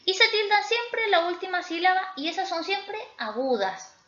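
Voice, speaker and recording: A woman teacher explaining spelling rules in a recorded lesson, often pausing to check in with her students. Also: extremely high pitch, sing-song, a bit bright. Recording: echoey room, slightly dull sound.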